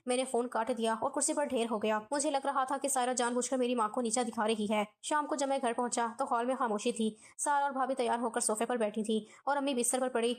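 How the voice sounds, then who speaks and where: A woman reading a scripted first-person family drama story at a steady, even pace. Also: a little high, hardly any pauses.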